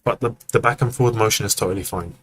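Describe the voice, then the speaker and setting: A man's voice: lowish voice, fast talker, a bit bright, rough recording. A man hosting a live stream, giving casual, friendly feedback on animation and acting out the movements as he explains. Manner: friendly, joking asides to chat.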